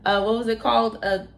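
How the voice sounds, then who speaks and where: A woman's voice: on the high side, creaky, slight background noise. Effusive chatty woman co-hosting a show. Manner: chatty and effusive, addresses viewers as y'all. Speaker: co-host. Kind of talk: casual chat show.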